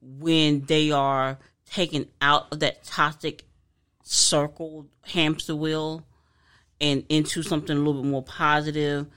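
A woman's voice: sits low, little pitch movement, a little slow, a bit bright, clear, resonant tone. A woman co-hosting a casual podcast, giving earnest advice and often restarting her sentences. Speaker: podcast co-host.

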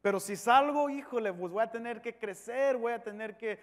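A man's voice: very high voice, moderate pace, long reverb tail. A man voicing a stubborn unborn baby who refuses to leave the womb, in a whiny, complacent tone.

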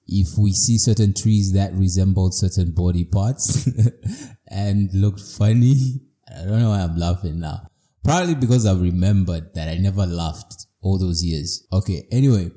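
A man's voice: low-pitched, dark tone. A man from Zimbabwe, hosting a podcast in a reflective personal monologue, playful and self-mocking. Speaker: podcast host.

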